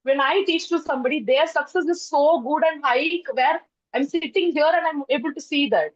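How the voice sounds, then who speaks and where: A woman's voice: high voice, dry recording. Emotional woman on a dull call line. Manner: earnest, emotional, halting. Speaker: workshop participant. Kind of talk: emotional personal sharing.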